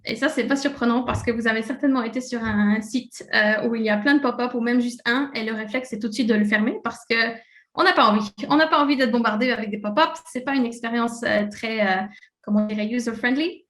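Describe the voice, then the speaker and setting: A woman's voice: on the high side, quick pace, fairly bright tone, roomy sound. A Swiss-French woman gives a casual live webinar presentation, chatty and full of fillers. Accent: French-speaking Swiss, speaking in a French way. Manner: casual and chatty, many fillers, laughs at slips.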